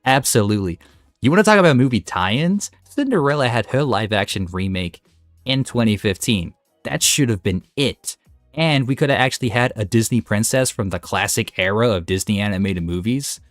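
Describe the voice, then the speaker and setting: A man's voice: mid-range voice, dry recording, clean studio sound. A man giving casual, enthusiastic and opinionated commentary while ranking game characters. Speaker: gaming video host. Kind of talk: casual tier-list commentary.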